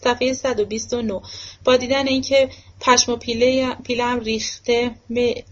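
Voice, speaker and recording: A woman reading a novel aloud as an audiobook, with steady, even narration. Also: a little high. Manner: steady, even reading with a flat, level delivery. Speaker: audiobook reader. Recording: dull, muffled lo-fi recording.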